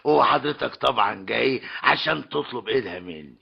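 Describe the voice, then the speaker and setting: A man's voice: mid-range voice, expressive, a little fast, vocal fry, husky, heavily acted. An actor playing a stubborn, scheming older tradesman and father in an old radio comedy drama, mocking and theatrical, with an Egyptian Arabic accent. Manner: mocking, theatrical, keeps repeating a polite tag. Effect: old lo-fi radio drama recording. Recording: dull lo-fi old radio recording.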